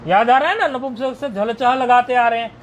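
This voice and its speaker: A man with a very high-pitched voice teaches a Sanskrit grammar lesson. He goes over each point patiently, repeats it, and keeps asking whether the students have followed. A faint hiss of noise sits under his voice. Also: a little fast.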